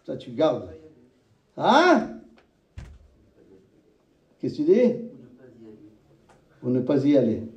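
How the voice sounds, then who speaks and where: A man giving a sermon. He swings between high chanted calls and low murmured asides, and he chants Hebrew and Aramaic phrases in a sing-song. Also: wildly swooping pitch, extremely slow, pauses often, darkish tone, roomy sound, far from the mic, lo-fi sound. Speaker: rabbi.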